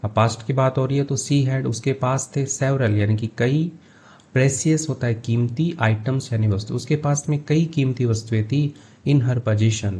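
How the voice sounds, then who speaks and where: Mellow-voiced man teaching English. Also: medium pitch, a little hiss or hum. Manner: reads English phrases slowly, then explains in Hindi. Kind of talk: line-by-line story translation lesson.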